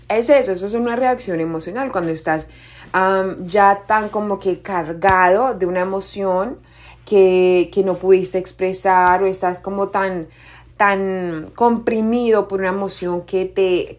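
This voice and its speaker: A young adult woman, a life coach, giving a casual motivational talk, conversational and often tagging her points with a question. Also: medium pitch. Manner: conversational, often asks "¿verdad?"; acts out quoted shouting in a raised voice.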